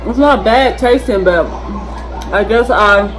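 A woman's voice: fairly high pitch, takes it slowly, crowd noise, noisy background. A woman vlogger, talking casually while chewing pizza. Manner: chatty, rambling, with fillers. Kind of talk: casual vlog. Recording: music playing in the background.

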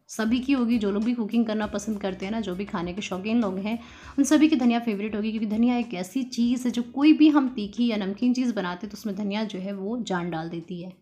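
A woman's voice: mid-range voice, darkish tone. A woman hosting a home cooking tutorial, talking viewers through each step in a friendly, chatty way. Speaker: cooking channel host.

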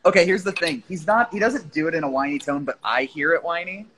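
Man, livestream host, casual chat, swears freely, slightly high pitch, light background noise. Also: quick pace, fairly bright tone, rough recording. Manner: swears a lot, loose and jokey.

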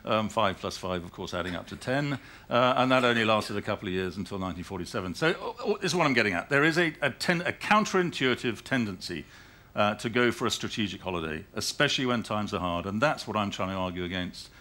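A middle-aged man from the UK with a British English accent talks on a conference panel onstage, animated and fast in a lowish, bright, forceful voice. He rambles, restarts his sentences and throws in laughing asides.

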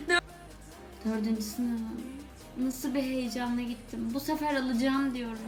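A young woman with a high, bright-sounding voice tells a funny personal story straight to camera. She exclaims and laughs as she goes. Her voice rings in an echoey room, with music playing clearly underneath. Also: a little slow. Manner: animated, exclaiming, laughing between lines. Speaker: vlogger.

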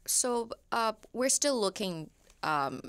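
A woman's voice: fairly high pitch, big pitch swings, takes it slowly, fairly bright tone, clear, resonant tone, dry recording. A woman café owner talking as a radio studio guest, informal, saying "yeah" often. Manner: informal phrasing, many "yeah"s. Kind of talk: casual interview chat. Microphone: studio mic on boom arm, headphones.

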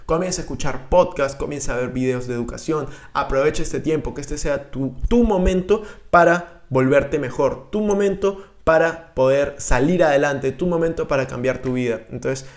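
Energetic young man giving money advice. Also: fairly high pitch, normal speed, few pauses. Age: young adult. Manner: energetic, coaching, talks straight to the viewer with hand gestures. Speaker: personal finance YouTuber. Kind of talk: direct-to-camera finance advice. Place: small room indoors, seated on a couch. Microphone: studio mic on a boom arm in front of him.

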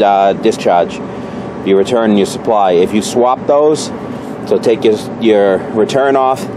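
A young man, an HVAC technician, casually explaining his work and directing a coworker outdoors on a rooftop. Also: fairly low pitch. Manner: practical, directing a coworker, offhand. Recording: loud outdoor noise on camera mic.

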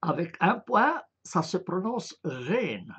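Teaching Arabic script in a slow online lesson, this man sounds sing-song and unhurried in a high, slightly bright voice edged with breath. He hesitates often, uses lots of fillers, and sounds out each letter individually.

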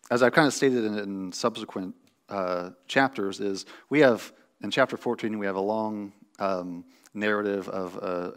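Man preaching, low-pitched voice, thirties, conversational teaching tone, church sanctuary. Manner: conversational teaching with frequent restarts and fillers. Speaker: pastor. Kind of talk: sermon.

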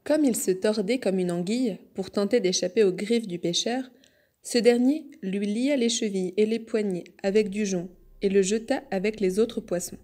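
A woman reading a classic children's story aloud in measured storyteller narration. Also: medium pitch, mellow. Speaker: audiobook reader. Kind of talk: scripted narration.

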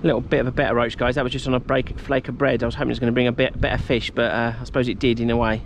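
A man's voice: mid-range voice, level tone, racing. A middle-aged man giving casual vlog commentary as he fishes from a boat outdoors. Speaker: angling vlogger. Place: outdoors on a small boat on open water. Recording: wind and boat noise outdoors.

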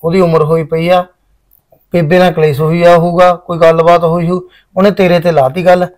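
A man's voice: on the high side, little pitch movement, normal speed, a little mellow, lightly acted. A man playing an impatient young farmer husband who talks brusquely and dismissively. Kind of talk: village drama acting.

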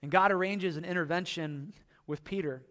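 A high-voiced male pastor preaching to his congregation. He tells the story with animated energy and slips into the voices of the people he quotes. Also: moderate pace. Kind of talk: sermon. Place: church.

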